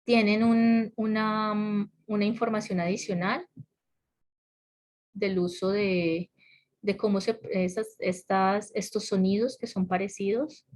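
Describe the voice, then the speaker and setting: A woman leads an online English lesson, talking through grammar points at a relaxed, patient pace. She often stops to check in with her students. Her voice sits at an ordinary middle pitch and comes through a computer microphone on a video call. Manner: explains patiently, asks the class questions, laughs lightly. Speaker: English teacher. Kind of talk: online class explanation. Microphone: computer mic on a video call.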